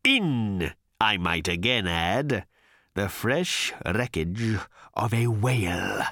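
A man reading an audiobook voices a bitter, vengeful male creature, speaking slowly with a hissing, brooding menace. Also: fairly low pitch, expressive, sharp tone, dry recording, clean studio sound, full character voice. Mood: brooding, sardonic. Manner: slow, hissing, drawn-out menace.

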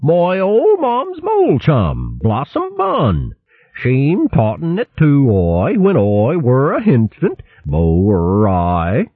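A man voicing a lively young female hare who chatters in a rustic mole dialect. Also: slow pace, husky, dry recording, heavily acted. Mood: chirpy. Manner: high, bright mimicry of rustic mole dialect. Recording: thin phone-like dry sound.

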